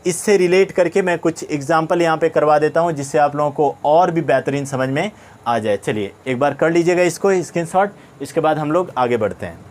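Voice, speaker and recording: A man's voice: fairly high pitch, a little fast. A man with an Indian accent teaching a grammar lesson, asking questions and answering them himself while often checking understanding. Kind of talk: classroom-style grammar lesson.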